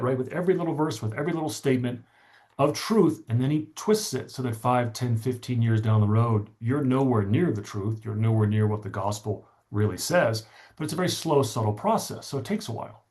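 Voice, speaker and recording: Talking fairly quickly in a mid-range, darkish voice, a middle-aged author recounts his story on a podcast. He's articulate and emphasizes key points by saying them again.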